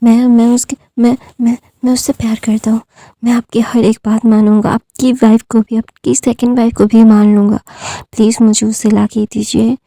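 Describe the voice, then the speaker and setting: A woman narrator puts on a frantic young man from a spoken fan story who keeps stammering and repeating himself. The voice is somewhat high for a man's part, very warm and dark, with a gravelly fry running through it. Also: little pitch movement, moderate pace, no room sound. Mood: desperate. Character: obsessive desperate young man pleading.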